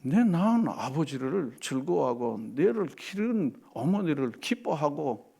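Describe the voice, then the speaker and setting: A middle-aged male pastor preaching a Sunday sermon in a church, swinging from animated delivery to soft asides and acted quotes. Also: a little high, unhurried, creaky, slightly rough. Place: church sanctuary.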